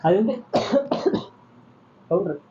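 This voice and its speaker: A man's voice: takes it slowly, highs cut off, slight background noise. A man hosting a home prank video, teasing and coaxing his wife in casual banter.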